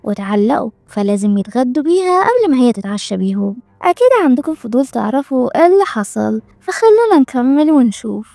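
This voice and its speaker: A woman's voice: a little high, big pitch swings, quick pace, creaky, dark tone, dry recording, faint music behind. A woman with an Egyptian accent narrating a drama recap in a playful, sarcastic manner. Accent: Egyptian Arabic. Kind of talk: scripted narration with witty asides.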